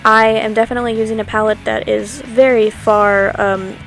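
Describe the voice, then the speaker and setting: A woman's voice: fairly high pitch, little pitch movement, normal speed. A young woman in a chatty, upbeat voiceover for her vlog, rambling a little with fillers, recorded on a microphone on a tripod stand. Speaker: vlogger. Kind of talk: casual voiceover narration. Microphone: new microphone on a tripod stand. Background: soft background music.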